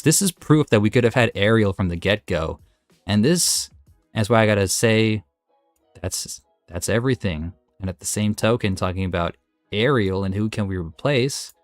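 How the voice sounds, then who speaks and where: Low-voiced, opinionated gaming commentator man. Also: dry recording, clean studio sound. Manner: enthusiastic, opinionated and chatty. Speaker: gaming video host. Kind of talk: casual tier-list commentary.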